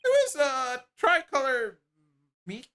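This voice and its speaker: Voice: high-pitched, very animated, a little slow, bright, forceful tone, pitched above the performer's own voice, heavily acted. A streamer putting on a polite young woman assistant. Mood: cheerful. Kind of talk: reading game dialogue aloud.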